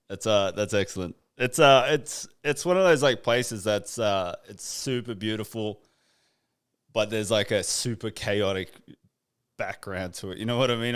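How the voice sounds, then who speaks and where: A man's voice: fairly low pitch, a bit bright, clear, resonant tone. An Australian man hosting a podcast over a video call, chatting casually and rambling with lots of fillers and restarts. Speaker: podcast host. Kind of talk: casual interview chat.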